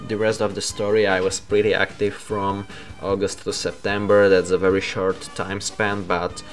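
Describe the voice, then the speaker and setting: Young male vlogger, low-pitched, halting, self-correcting. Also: flat delivery, faint music behind. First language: Slovak. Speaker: YouTuber. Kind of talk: casual vlog talk.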